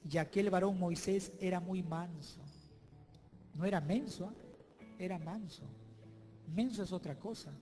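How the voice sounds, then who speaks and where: A male pastor preaching a sermon in a church, emphatic and swinging between loud declarations and hushed asides. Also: fairly high pitch.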